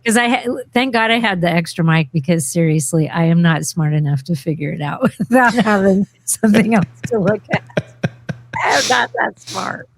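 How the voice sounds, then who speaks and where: A woman's voice: fairly low pitch, steady tone, moderate pace, gravelly, a little hiss or hum. A woman co-hosting a podcast in casual, self-deprecating chat, giggling between remarks. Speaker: podcast co-host. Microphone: studio mic, close.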